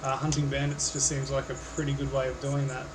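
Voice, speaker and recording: A man's voice: medium pitch, completely flat delivery, fast. A man narrating as game master of a tabletop game, talking casually and hesitantly with many fillers. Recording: noisy background.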